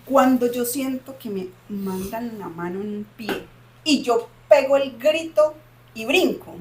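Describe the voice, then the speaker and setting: A woman's voice: fairly high pitch, a little slow, slight background noise. A woman, co-hosting a podcast and dramatically retelling a personal story with lots of repetition. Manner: dramatic, animated retelling with repeated phrases. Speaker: podcast co-host. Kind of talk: casual storytelling.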